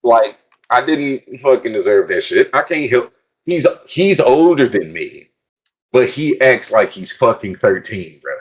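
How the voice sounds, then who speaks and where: A man's voice: mid-range voice, a little slow, breathy edge. A man co-hosting a casual podcast, venting heatedly and swearing a lot about a friend's blame. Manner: profane, venting, animated. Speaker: podcast co-host. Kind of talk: casual chat.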